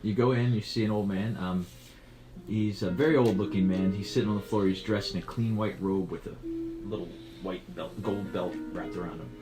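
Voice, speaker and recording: A man narrating a tabletop game as game master, calm and descriptive. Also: lowish voice, normal speed, low-quality recording. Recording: music playing behind.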